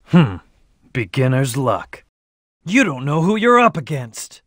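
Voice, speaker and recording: An actor playing a brooding, cocky hedgehog antihero in a video game, speaking in a terse, stern, commanding manner. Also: male voice, medium pitch, dry recording, clean studio sound, close to an everyday voice. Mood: scornful, confident. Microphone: close, dry studio recording.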